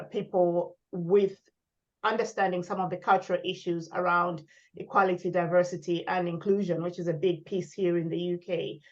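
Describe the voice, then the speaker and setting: A woman from Zambia, a guest at a panel discussion on leadership, introducing herself in a measured way. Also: on the low side, lo-fi sound. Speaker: guest speaker, leadership lecturer.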